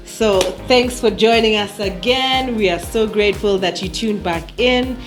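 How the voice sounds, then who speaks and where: A woman's voice: mid-range voice, a little slow, music in the background. A woman co-hosting a podcast, chatting casually and thanking listeners. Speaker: podcast co-host. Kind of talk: casual group chat.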